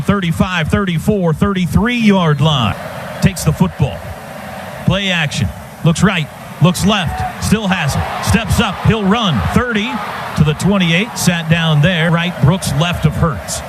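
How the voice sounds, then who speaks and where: Calling football live over the radio, this American announcer works from the stadium booth and delivers short, choppy phrases at a measured pace. His voice is on the high side, and the live broadcast carries a lot of stadium noise.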